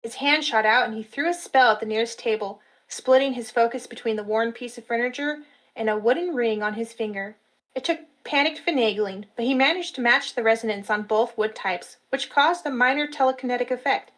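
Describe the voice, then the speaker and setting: A woman narrating a fantasy story in a steady storytelling manner at a live reading. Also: fairly high pitch, a little fast, rough recording.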